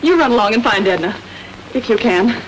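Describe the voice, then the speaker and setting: A plucky young amateur sleuth, played by a woman in a 1930s radio play, brisk and bossy as she takes charge. Her voice sits a little high. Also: animated, background noise, natural voice.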